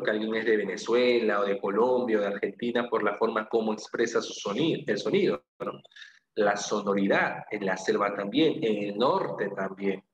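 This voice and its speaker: This is a classroom lecture by a Peruvian man whose voice is fairly low in pitch and carries a Peruvian Spanish accent. He teaches a language class methodically, repeating key phrases and checking in with "¿no?" and "¿ok?" along the way. The audio is dull and roomy.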